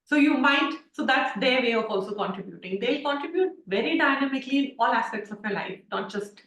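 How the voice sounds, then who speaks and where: A woman's voice: high-pitched, lively intonation, brisk, fairly bright tone, far from the mic. A woman teaching an online class, telling stories with lots of fillers, heard over a video call. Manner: chatty storytelling with many fillers. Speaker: class facilitator. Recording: roomy, off-mic video call.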